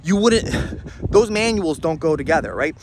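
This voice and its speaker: A man's voice: fairly high pitch, animated, normal speed, background noise. A man giving a casual, rambling monologue about his wellness idea, checking in with "right?" after nearly every point. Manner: rambling, says "right?" constantly. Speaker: wellness content creator.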